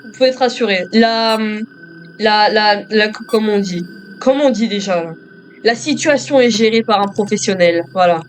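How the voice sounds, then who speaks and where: High-voiced joking male gamer. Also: moderate pace, faint music behind. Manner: joking, talks to himself and to viewers. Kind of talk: horror game commentary.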